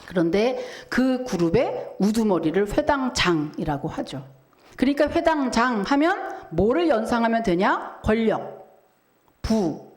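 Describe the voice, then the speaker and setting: A middle-aged woman pastor preaching a sermon, telling a story vividly and asking the congregation rhetorical questions. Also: fairly high pitch.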